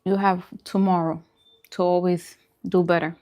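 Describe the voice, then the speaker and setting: A woman with a lowish, dark voice speaks at a normal speed with flat delivery. She's a vegan food vlogger and host doing a casual mukbang chat to camera, talking to her viewers in a reflective, conversational and encouraging way.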